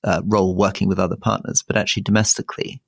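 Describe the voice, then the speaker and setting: A man in his sixties co-hosts a podcast, working through political history in a thoughtful, digressive way, his pitch rising when he gets animated. He talks at a quick pace with a creaky, husky voice. The sound is clean studio audio with no room sound.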